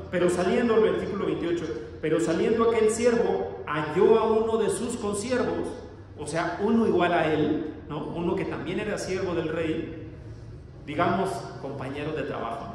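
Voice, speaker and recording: A high-pitched man with a darkish tone delivers a sermon, reciting verses and quizzing the congregation as he explains each one. The recording, made on a distant mic in a reverberant church hall, carries a faint hiss or hum.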